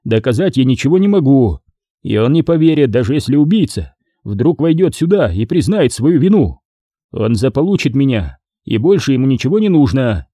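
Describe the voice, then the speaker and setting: A man's voice: medium pitch, big pitch swings, normal speed, warm tone, no echo. A man voicing a wry, weary adventurer in an audiobook, dry and tired in manner. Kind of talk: audiobook character voice.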